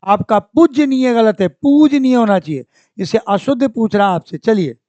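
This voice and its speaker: A man teaching a spelling lesson for exam preparation. He talks slowly and goes over each word several times, correcting it, and he clears his throat often. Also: sits high, dark tone, no echo, highs cut off. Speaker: Hindi grammar teacher. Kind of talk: exam-prep lesson, working through spelling questions.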